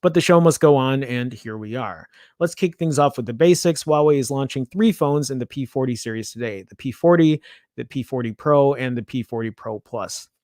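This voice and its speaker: A man with a Chicago accent hosts a loose, casual tech news show, reading an article aloud before drifting into offhand asides and occasionally tripping over words. His middle-pitched, darkish voice moves at a moderate pace and is recorded close and dry, with no room sound.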